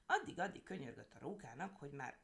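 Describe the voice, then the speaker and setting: Woman reading a kids' tale out loud, low voice but really lively, playful. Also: creaky. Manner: expressive, playful narration. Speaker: storyteller. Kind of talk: storybook reading aloud.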